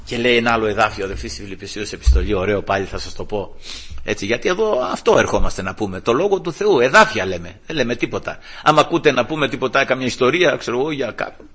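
A man's voice: medium pitch, lively intonation, fairly bright tone, slightly rough. A man preaching a sermon, telling a story and quoting scripture with frequent exclamations of praise.

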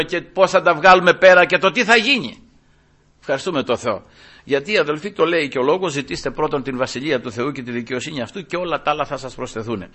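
A man in his sixties preaching a sermon with fervor, often calling his listeners brothers, dropping to hushed asides and then rising to loud cries. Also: fairly high pitch. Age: 60s. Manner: addresses listeners as brothers again and again.

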